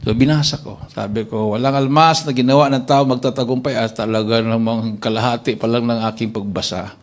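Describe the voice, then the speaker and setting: A man with a Filipino accent preaching a sermon, telling a testimony and acting out the voices of the people in it, his pitch jumping up on exclamations. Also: brisk. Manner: animated storyteller acting out quoted voices, pitch leaping up in exclamations.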